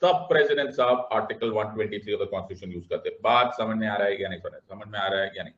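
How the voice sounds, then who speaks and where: A man teaching a classroom lecture, animated and repeating checks on whether everyone understands, switching between Hindi and English. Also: on the low side, fast. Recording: roomy, dull classroom sound.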